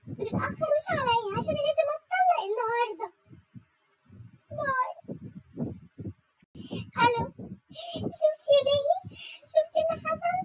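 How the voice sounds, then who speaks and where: A woman with an Egyptian accent playing a hysterical young wife in a comedy sketch, sobbing, wailing and shouting on the phone. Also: extremely high pitch, very noisy. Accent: Egyptian Arabic. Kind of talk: comedy sketch role-play.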